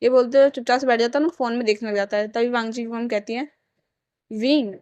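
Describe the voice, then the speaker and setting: A woman narrates a romance fan story in an easy, chatty way, often stopping to restart a sentence. Her voice is smooth and clear and sits a little high. The sound is close and dry. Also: steady tone, racing, darkish tone, no echo. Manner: plain conversational retelling with frequent restarts.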